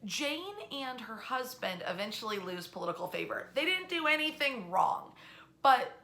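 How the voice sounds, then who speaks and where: A history storyteller and tour club host gives an informal history lecture to camera for an online audience, conversational, enthusiastic and emphatic. Her slightly high voice is very animated, pushed and bright at a normal speed, in a roomy, echoey room.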